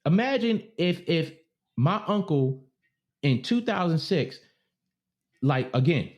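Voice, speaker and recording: A man's voice: on the high side, slow. A man in his thirties co-hosting a podcast, arguing emphatically and with swearing in casual debate. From Baltimore area. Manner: emphatic, animated, profane, repeats himself. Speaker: podcast co-host.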